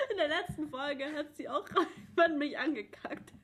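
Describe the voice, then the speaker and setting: A woman's voice: high-pitched, a bit bright, a little hiss or hum. A young woman co-hosting a casual podcast, rambling through a story and laughing often. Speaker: podcast co-host. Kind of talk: casual chat recapping a dating show.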